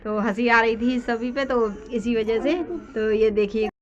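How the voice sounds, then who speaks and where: Woman with a flat, lo-fi vlog voice. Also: on the high side, a little slow, slight background noise. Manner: narrates step by step with many fillers. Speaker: family vlogger. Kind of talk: casual vlog narration.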